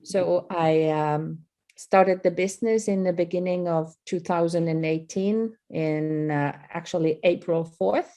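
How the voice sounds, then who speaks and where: Slow-speaking Finnish woman on a call. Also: low voice, warm tone. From Finland. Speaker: guest, business owner. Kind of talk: casual online interview.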